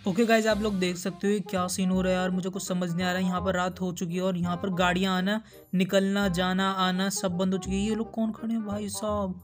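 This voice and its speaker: A man with a high voice rattles through gameplay commentary at a quick clip, his pitch staying fairly level. He talks straight to his viewers in a chatty way and spooks easily. Faint music plays behind him. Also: completely flat delivery. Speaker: gaming YouTuber.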